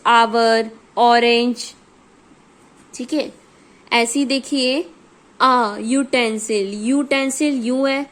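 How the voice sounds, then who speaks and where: Woman teacher, unhurried, patient grammar explainer, slightly high pitch. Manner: explains patiently, reads example sentences slowly. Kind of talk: grammar lesson.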